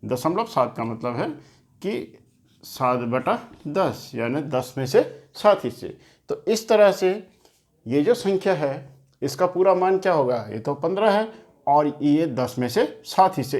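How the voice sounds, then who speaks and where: Man teaching kids maths, slightly higher voice, patient, repeats points, writes on a board. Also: expressive, a little slow, darkish tone. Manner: patient, explains step by step; repeats and rephrases key points. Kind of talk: classroom lesson for children. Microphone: talking while writing on a board.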